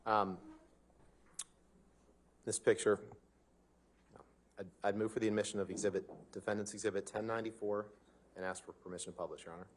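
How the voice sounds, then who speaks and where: A man with a fairly low voice cross-examines a witness in a courtroom recording. He presses with pointed, leading questions and clips his confirmations short. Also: steady tone, fairly quick, long pauses, a little hiss or hum. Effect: courtroom recording played back.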